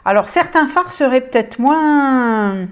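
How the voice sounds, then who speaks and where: A woman's voice: sits high, lively intonation, slow pace. A woman casually showing makeup palettes on her channel, hesitant with many fillers and enthusiastic about the colors. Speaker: beauty vlogger. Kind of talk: casual product haul chat.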